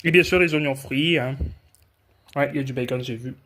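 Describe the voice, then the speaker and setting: A man's voice: mid-range voice, fairly quick, fairly bright tone. A young man from France rambling casually through a food-tasting vlog, often correcting himself mid-sentence. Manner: rambling, chatty, frequent self-corrections. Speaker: food vlogger.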